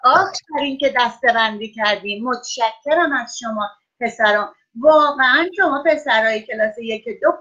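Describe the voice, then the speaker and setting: Bright high-voiced woman teaching young children online. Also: highs cut off. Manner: encouraging, praises often, stretches words slowly for dictation. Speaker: primary school teacher. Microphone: video call.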